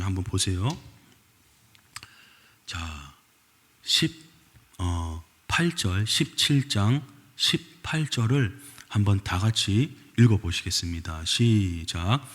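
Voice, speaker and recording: A man preaching a sermon as pastor, lively and quick to question his congregation, recorded in a church sanctuary. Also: sits low. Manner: animated, keeps asking the congregation questions. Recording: long reverb of a church hall.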